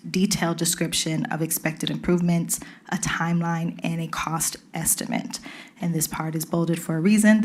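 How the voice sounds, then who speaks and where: A woman with a Caribbean accent presents to a city council in a low, steady voice. Her pitch stays flat and even as she works through a formal policy briefing item by item. She sounds measured and methodical, like staff reporting to elected officials. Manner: methodical, walks through points one by one.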